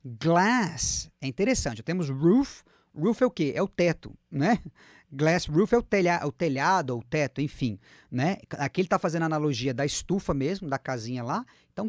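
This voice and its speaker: With a somewhat high voice, a man who speaks Portuguese as his first language gives a lively online English lesson, chatting encouragingly and saying words slowly for students to repeat. The recording is dry and studio quality.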